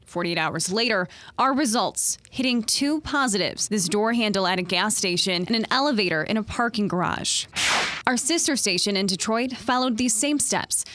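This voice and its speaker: An American woman narrates a scripted television news report. Her pitch sits in the middle of the female range, and a faint layer of noise runs behind her voice. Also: lively intonation, moderate pace, a bit bright.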